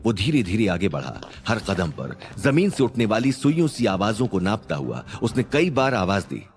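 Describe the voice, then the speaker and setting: A man's voice: on the low side, big pitch swings, normal speed. A man narrating a suspense story in a scripted, dramatic storytelling manner.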